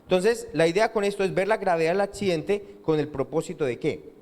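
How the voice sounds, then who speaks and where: This Colombian-accented pastor has a high, slightly mellow voice and a brisk delivery. He preaches in a reverberant church hall, drawing call-and-response answers from the congregation with his questions.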